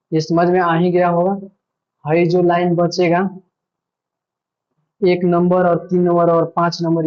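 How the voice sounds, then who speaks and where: A man's voice: a little high, highs cut off. A male teacher giving an online grammar lesson, patiently repeating points and asking himself questions.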